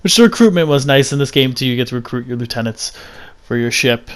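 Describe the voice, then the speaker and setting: A man's voice: mid-range voice, animated, fast, clear, resonant tone. Man giving a rambling, blunt game review. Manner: rambling, blunt opinions with many restarts. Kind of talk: casual spoken game review.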